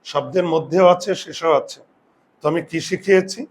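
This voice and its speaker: A man teaching a Bengali grammar class, explaining step by step and asking students whether they follow. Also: a little high. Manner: drawn-out, emphatic pronunciation of example words. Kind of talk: classroom lesson.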